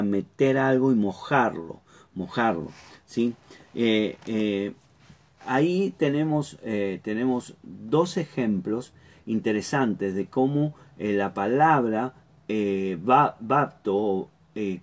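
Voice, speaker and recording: A man teaching a Bible lesson, halting often, repeating words and checking in with the listener. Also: lowish voice.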